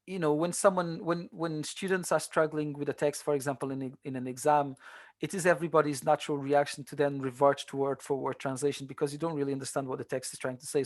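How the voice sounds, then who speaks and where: A man's voice: fairly high pitch, no echo. A man tutoring translation students in a seminar, talking in a conversational way with many fillers and restarts. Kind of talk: online seminar lecture.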